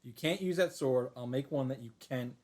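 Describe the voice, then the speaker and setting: This man's voice is mid-range and a little mellow, moving fairly quickly. He reads a visual novel's first-person narration with earnest drama, weaving in his own comments, as game music plays.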